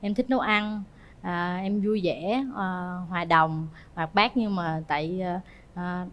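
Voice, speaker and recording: A woman's voice: lowish voice, slow, lo-fi sound. A young woman from Trà Vinh, a dating show contestant, speaking hesitantly with many fillers and nerves. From Trà Vinh, Vietnam.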